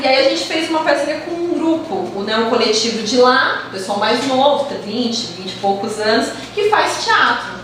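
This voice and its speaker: A Brazilian woman from a theater project talking casually and lively about her research. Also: a little high, slight background noise. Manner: talkative, animated, acts out quoted voices. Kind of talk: casual conversation. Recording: echoey room, distant mic.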